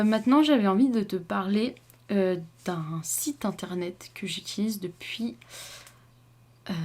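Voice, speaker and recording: Young woman, chatty book vlogger, rambling, lots of fillers. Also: mid-range voice. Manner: chatty, rambling, many fillers and self-corrections. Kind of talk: casual chat to camera.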